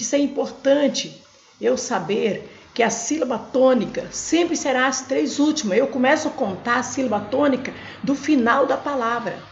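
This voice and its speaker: A woman tutoring for Portuguese exams, going through questions slowly and repeating each syllable type for her students. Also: sits high, creaky, slight background noise. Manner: repetitive, spells out syllables, addresses students as gente. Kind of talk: explaining exam questions. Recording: echoey room, dull lo-fi sound.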